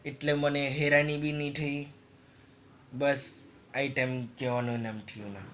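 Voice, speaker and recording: A man's voice: medium pitch, level tone, measured pace, a bit bright, slight background noise. A man casually narrating a story over a game, in loose, rambling and repetitive phrases. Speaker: gaming channel narrator.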